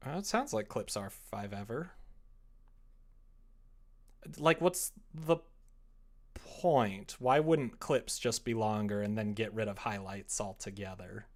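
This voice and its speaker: A young adult man livestreams from a small room at home, reading and answering his viewers at his computer in a casual, playful way. His voice is lowish, and he speaks slowly with frequent pauses.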